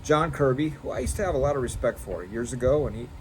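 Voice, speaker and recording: An American man with a mid-pitched voice chats about politics as a co-host. His delivery is halting, sarcastic and full of disbelief. He is recorded outdoors with clear background noise. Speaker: co-host of a political commentary show. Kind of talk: casual political chat. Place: outdoors in a backyard.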